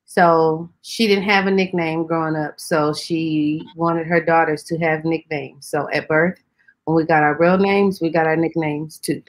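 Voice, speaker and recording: Relaxed low-voiced woman guest. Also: unhurried. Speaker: singer guest. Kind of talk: casual interview chat.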